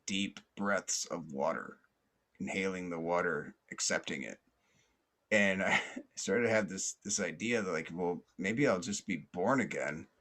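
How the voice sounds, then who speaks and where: A man's voice: sits low, fairly bright tone. A man hosting a podcast, telling a long personal story in a loose, rambling way. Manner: rambling, lots of fillers and restarts. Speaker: podcast host.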